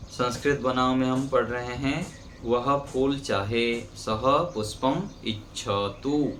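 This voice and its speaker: Male Sanskrit teacher, unhurried, mid-pitched, faint background hiss. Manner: patient, repeats sentences word by word. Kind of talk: slow classroom grammar lesson. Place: ashram classroom with birds outside.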